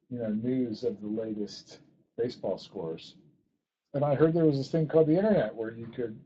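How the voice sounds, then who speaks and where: An author being interviewed, this man, born in Ghana and brought up in US embassies in Southeast and East Asia, explains things in a conversational style with emphatic repetition. His medium-pitched voice carries a breathy edge, and the sound is lo-fi.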